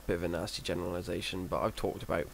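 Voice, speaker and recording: A deep-voiced Minecraft let's player commentates very fast and casually in a flat monotone he calls out himself, with a gravelly rasp closing his words. He rambles, hesitates, and runs himself down, all over a constant hiss on a noisy home recording.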